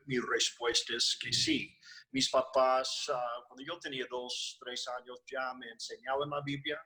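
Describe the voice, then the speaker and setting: A man from the United States, a missionary pastor, answering interview questions hesitantly with drawn-out fillers and self-deprecating humor. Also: medium pitch, sharp tone, rough recording.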